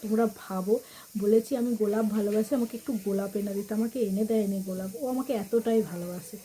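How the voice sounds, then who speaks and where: A woman vlogging at home while cooking in the kitchen, talking softly and quietly in a casual chat with her viewers. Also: mid-range voice, fairly even intonation, fast, a little hiss or hum, poor audio.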